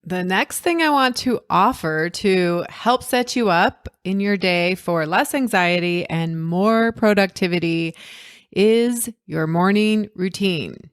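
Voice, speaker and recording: A woman's voice: mid-range voice, takes it slowly, smooth, no room sound, studio quality. A woman hosting a solo business coaching podcast, talking to her listeners directly in an encouraging, conversational way.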